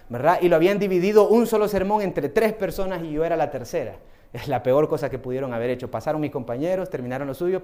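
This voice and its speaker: A man giving a sermon as a lay preacher, tagging his phrases with a questioning "right?" and swinging between soft asides and loud emphatic bursts. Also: a little high. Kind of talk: sermon with personal testimony.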